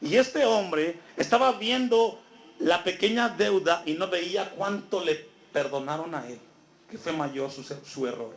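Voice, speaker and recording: A man's voice: high voice, expressive, unhurried, creaky. A man preaching a sermon in a church, reading scripture aloud and asking the congregation to fill in his words. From Mexico. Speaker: pastor. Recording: echoey church hall.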